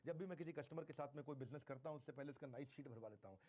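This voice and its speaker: A man giving a motivational sales lecture, stressing key phrases by repeating them slowly and mixing in English. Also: medium pitch, a little mellow. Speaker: sales trainer.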